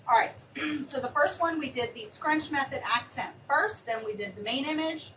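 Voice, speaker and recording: A woman demonstrating a craft on a live stream, chatting excitably and thinking aloud as she works. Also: high voice, normal speed. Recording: distant mic with clear background noise.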